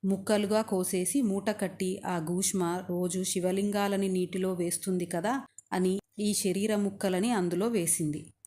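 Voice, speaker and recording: Calm woman telling a devotional story. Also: medium pitch, a little slow.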